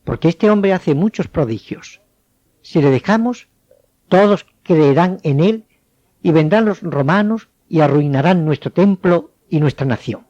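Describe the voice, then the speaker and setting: A man's voice: on the high side, lively intonation, measured pace, darkish tone, no echo. A man playing an anxious Pharisee council member who speaks urgently. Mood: alarmed. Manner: alarmed, urgent. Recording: dull, dry studio sound.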